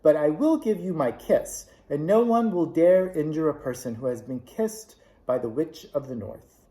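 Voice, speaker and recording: A man voicing a kindly little old witch woman in a storybook reading, with a gentle, solemn manner, raised higher than his own voice. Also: lively intonation, moderate pace, lightly acted. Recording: echoey room.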